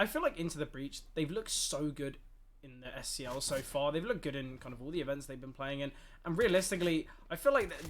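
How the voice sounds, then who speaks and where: Excitable male esports caster, fairly high. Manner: rambling, lots of "I feel like", bursts of excitement on plays. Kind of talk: live play-by-play commentary.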